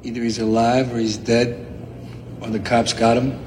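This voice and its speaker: A man playing a tough, world-weary veteran robber in a crime film, talking gruffly and bluntly. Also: mid-range voice, flat delivery, normal speed, a little mellow, roomy sound, long reverb tail, a little hiss or hum, lightly acted. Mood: tense. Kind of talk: 1990s crime film acting.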